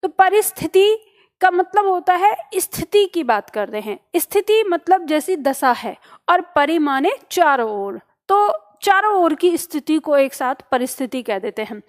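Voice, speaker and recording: High-voiced woman teaching spelling. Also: big pitch swings, a little slow. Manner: explains step by step, often checking with "ठीक है?"; asks questions and answers them herself. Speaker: Hindi teacher. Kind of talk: spelling lesson for exam students.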